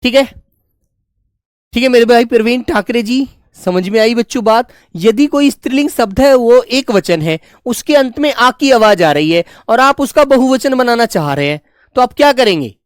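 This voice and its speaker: A man's voice: extremely high pitch, expressive, normal speed, clear, resonant tone, no room sound, studio quality. A man teaching an online Hindi grammar lesson, affectionate and repetitive, keeps asking his students questions and answering them himself.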